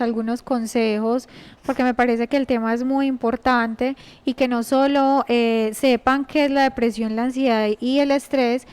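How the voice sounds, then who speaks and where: Woman host, clear resonant voice a touch high, hesitant questioner. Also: darkish tone. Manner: hesitant, many "eh" fillers. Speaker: interviewer. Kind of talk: interview questions.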